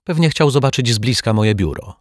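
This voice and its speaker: A polite, bustling detective, as a man reads him with a lifted, animated voice and a husky grain. The recording is close and dry, like a storybook read at a desk. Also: medium pitch, brisk, no echo, voice pushed up, lightly acted. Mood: knowing. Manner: polite, eager, lively. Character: fussy cheerful small-office male detective.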